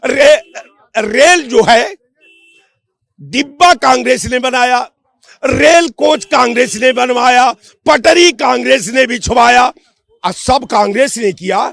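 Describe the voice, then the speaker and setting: High-voiced guy, gravelly, ranting hard at a street interview, dry close sound. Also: slow, fairly bright tone, dry recording. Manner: heated, rhetorical, raises voice in bursts. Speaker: member of the public. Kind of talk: street vox pop debate.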